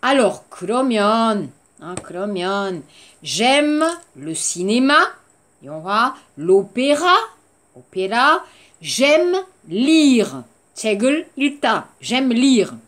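Woman teaching french slowly, slightly high voice, repeats stuff and adds korean words. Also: big pitch swings. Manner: slow, repeats words, mixes in Korean glosses. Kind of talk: language lesson for Korean learners.

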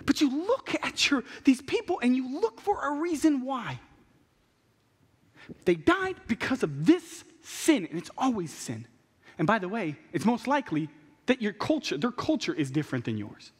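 Young male preacher, high animated voice, passionate sermon, big hall reverb. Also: moderate pace, slightly rough. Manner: passionate, animated, acts out what people say. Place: large church stage at a pulpit. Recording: long reverb of a large hall.

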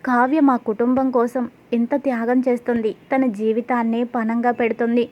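A woman voicing a young husband thinking things over, in a steady, level reading. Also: a little high, normal speed, lo-fi sound, natural voice. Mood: reflective. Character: young husband resolving to change.

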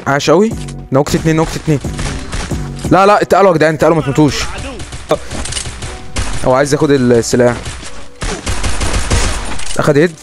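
Egyptian guy hyped up narrating his shooter match, kinda high voice, game music and gunshots going behind. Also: fast talker, long pauses. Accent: Egyptian Arabic. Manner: excitable, keeps calling out to viewers. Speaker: gaming YouTuber. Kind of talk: live gameplay commentary. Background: game music and gunfire.

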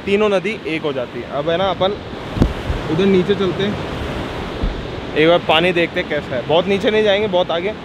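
Brief: young male travel vlogger, slightly high voice, chatty and excited, outdoors with rushing water behind. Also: very noisy. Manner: chatty, excitable, often laughing along. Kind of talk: casual on-the-go vlog chat. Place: outdoors by a mountain river and waterfall. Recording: outdoor vlog with loud river rush.

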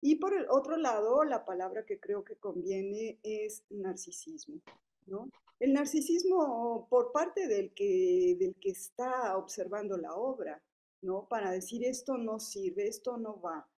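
At a public policy forum, a panelist in her fifties speaks with a Mexican Spanish accent in a casual, conversational manner, dropping in many fillers and tag questions. Her voice is medium-pitched and dark, with lively intonation and a measured pace.

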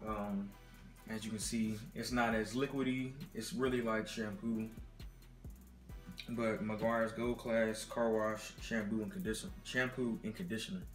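A young Texan man with a fairly low voice and fairly even intonation rambles unhurriedly through a rundown of car care products, laid-back and full of fillers. He's recorded on a laptop's built-in mic in a dim apartment living room, which gives a roomy sound with music in the background.

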